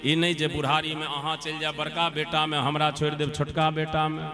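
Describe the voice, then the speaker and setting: A man's voice: fairly high pitch, completely flat delivery, a little fast. A male preacher with a Maithili accent giving a live devotional sermon, asking the crowd questions and drifting into song. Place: live religious gathering. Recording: music playing behind.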